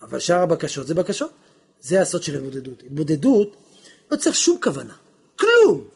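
Male rabbi-preacher, high husky voice, fervent sermon delivery that jumps from quiet to loud. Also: big pitch swings. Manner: impassioned, swings from hushed to shouting, acts out dialogues. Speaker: rabbi teaching on prayer. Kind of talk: religious lesson, sermon.

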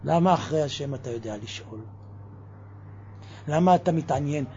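A man giving a lively religious sermon, firing off mocking rhetorical questions. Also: on the high side, highs cut off, slight background noise. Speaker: preacher.

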